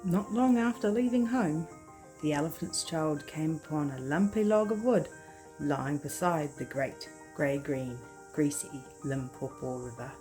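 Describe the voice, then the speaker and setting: A woman librarian with a New Zealand accent reading a picture-book story aloud to toddlers in an expressive storyteller voice. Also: low-pitched, unhurried, soft background music, rough recording. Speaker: children's librarian.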